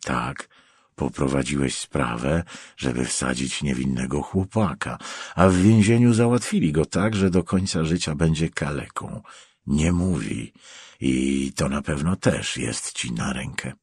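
A man voicing a cold, menacing male avenger who mutters quietly. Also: extremely low pitch, a little slow, husky, dry recording, clean studio sound, pitched below the performer's own voice, full character voice.

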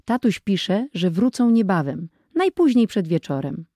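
A reader voicing an earnest, thoughtful boy in an audiobook, reporting in a measured way. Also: medium pitch, warm tone, no echo, studio quality, close to an everyday voice. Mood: eager. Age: child. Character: thoughtful older boy, Henryk.

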